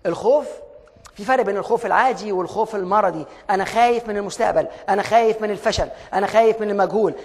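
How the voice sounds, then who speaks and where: An Egyptian man gives a motivational lecture at a breakneck pace. His voice sits very high and he tells stories with energetic emphasis. A long hall reverb trails behind him. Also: very fast, vocal fry. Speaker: motivational speaker.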